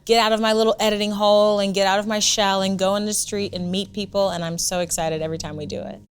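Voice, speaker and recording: A woman co-host chatting casually and excitedly. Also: mid-range voice, fast talker, clear, resonant tone. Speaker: co-host and street interviewer. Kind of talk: excited casual chat and presenting.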